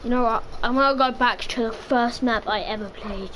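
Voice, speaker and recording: A woman's voice: on the high side, moderate pace, fairly bright tone, slight background noise. A woman giving casual gameplay commentary, chatty and joking, talking to herself while she plays. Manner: chatty, joking, talks to self while playing. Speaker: gamer.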